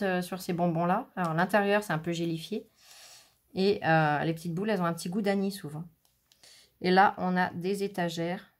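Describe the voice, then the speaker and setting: A woman chatting casually through a scrapbooking stamp haul, showing items one by one with frequent fillers. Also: on the low side. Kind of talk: casual haul video commentary.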